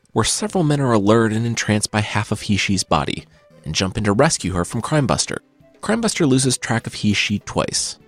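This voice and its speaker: A male podcast host reads his own script with a dry, sarcastic edge. His voice sits fairly low but moves through a lively, animated pitch range. Soft music plays faintly underneath. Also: no room sound. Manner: wry, sarcastic storytelling. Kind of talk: scripted narration.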